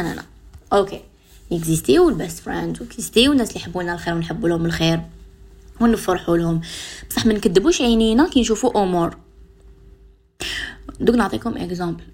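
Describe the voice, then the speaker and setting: A woman radio host with an Algerian Arabic accent talks at a rapid clip, her pitch sitting in an ordinary middle range. She speaks directly to her listeners and walks them through examples. She mixes French and English words into her dialect. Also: a little mellow. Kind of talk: advice talk to listeners.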